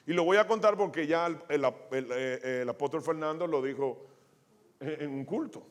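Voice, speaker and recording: Male pastor, sermon storytelling, fairly high voice, restarts often. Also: moderate pace. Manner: storytelling, acting out quotes, many restarts. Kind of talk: sermon with testimony.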